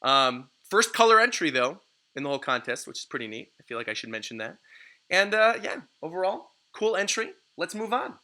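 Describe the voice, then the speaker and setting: Upbeat bright-voiced young man hosting. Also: fairly high pitch, very animated, brisk. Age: 20s. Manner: upbeat, laughs often, reads viewer entries aloud. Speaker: host. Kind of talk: casual livestream panel chat.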